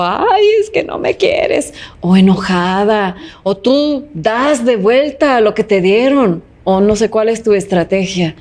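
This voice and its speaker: A woman's voice: fairly high pitch, warm tone. A woman preaching a sermon in a conversational, direct way, often asking her listeners questions. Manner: uses rhetorical questions.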